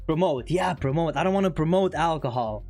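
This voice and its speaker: On his live trading stream, this non-native English speaker talks a little fast in a slightly high, expressive voice with a darkish tone. He laughs frequently and reads chat messages out loud over faint background music.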